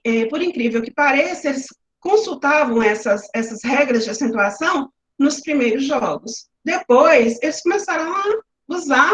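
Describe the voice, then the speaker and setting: High-voiced Brazilian teacher in a roomy call. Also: female voice, a bit bright. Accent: Brazilian Portuguese. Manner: explains step by step with examples. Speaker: teacher presenting classroom activities. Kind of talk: online lecture presentation. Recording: roomy, slightly muffled webinar audio.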